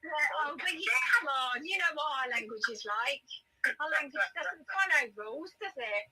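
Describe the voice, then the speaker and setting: A woman's voice: high-pitched, expressive, normal speed, bright, forceful tone, poor audio. A woman talking casually in a group conversation.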